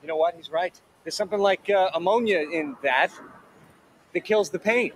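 A man's voice: high-pitched, normal speed, natural voice. An actor playing a wry, sarcastic young man in a sitcom, speaking with a dry delivery. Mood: helpful. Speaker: sitcom character. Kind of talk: sitcom acting. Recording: noisy TV audio with laugh track.

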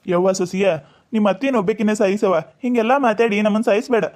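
A man voicing an older village father-in-law in a cartoon, soothing and pleading for calm in a North Karnataka Kannada accent. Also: sits high, fast, natural voice. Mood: placating. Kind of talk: cartoon voice acting.

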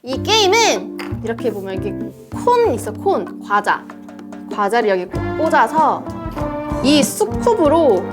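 A young woman with a high, lively voice gives playful game commentary for children. She is polite and exclaims readily, with wide swings in pitch at an unhurried pace. Loud music runs underneath. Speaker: host of a children's game show.

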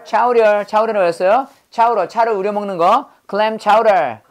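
A woman's voice: medium pitch, moderate pace. Lady running an english word drill, says it, has them repeat, keeps quizzing. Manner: drills words with repeated prompts and quizzing questions. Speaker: English vocabulary teacher. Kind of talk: call-and-response language lesson.

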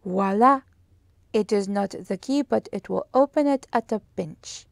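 A woman voicing a fussy, precise older male Belgian detective who asks slow, emphatic questions in a storybook reading. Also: medium pitch, gravelly, dark tone, no room sound, close to an everyday voice. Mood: amused. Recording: dry close audiobook recording.

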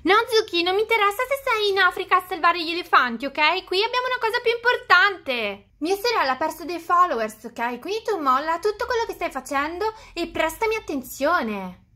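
Woman voicing a high, bright, over-the-top older-sister doll in a doll story. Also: animated, slow pace, exaggerated voice. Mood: bossy. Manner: theatrical, panicky, over-the-top. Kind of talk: doll story role-play.

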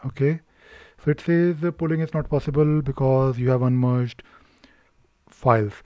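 Narrating a screen-recording tutorial off the cuff, a man with a mid-range, flat, mellow voice sounds hesitant, pausing on filler sounds and restarting sentences as he works. There's no room sound.

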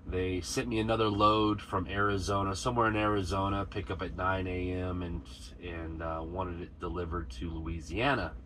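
Parked at a truck stop, a man with an American accent rambles easily to the camera while cooking inside his cab, vlog-style. He speaks in a low voice at normal speed with hardly any pauses, over a faint hiss or hum.

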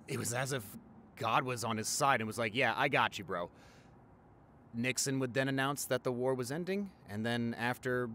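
Over faint car-ride noise, a man plays a loving doctor boyfriend in his forties for a partner's audio roleplay. He tells his stories in a casual, halting, intimate way, in a natural, medium-pitched, slightly bright voice.

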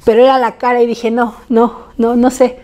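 Mexican woman telling a story, mellow voice. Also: fairly high pitch, level tone, normal speed. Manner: chatty, acts out quoted dialogue with laughs and slang. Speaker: tattoo artist. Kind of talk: casual interview storytelling.

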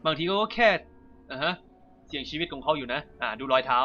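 A man giving casual, playful let's-play commentary, chatting and reacting excitably while he plays. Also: medium pitch, fairly quick, muffled recording, soft background music. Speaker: gaming channel host.

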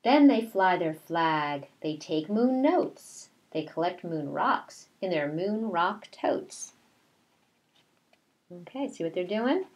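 Indoors in a small bedroom at home, a middle-aged woman who teaches kindergarten gives an expressive, measured read-aloud of a picture book, speaking to young children in between. Her pitch is fairly low.

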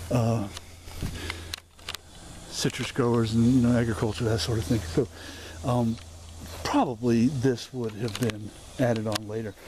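Touring a historic site on foot, an amateur male video host narrates unscripted into his camera mic at a middle pitch. He stumbles along with many fillers and corrections, while insects buzz steadily across the house's open grounds.

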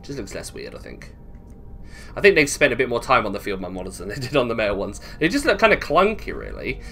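This British man talks fast in a gravelly, sharp mid-range voice with huge swings in pitch. He hosts a gaming video, giving rambling, offhand commentary and thinking aloud as he plays. Video game music fills the background.

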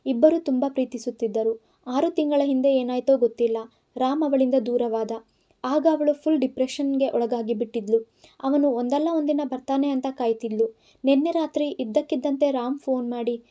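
A woman's voice: sits high, steady tone, moderate pace, mellow, lo-fi sound, lightly acted. A woman voicing a young woman, a loyal friend who speaks tearfully and earnestly, in an audio story.

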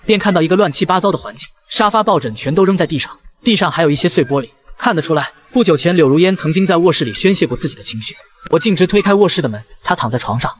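A man narrating a novel in the first person with steady, brisk reading. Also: fairly high pitch.

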